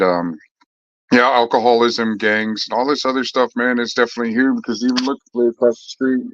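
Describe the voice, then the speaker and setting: A man's voice: mid-range voice, a bit bright, no echo, dull audio. A man chatting casually on a live stream, answering viewers in a laid-back, slangy way, swearing freely and laughing often as he tells stories.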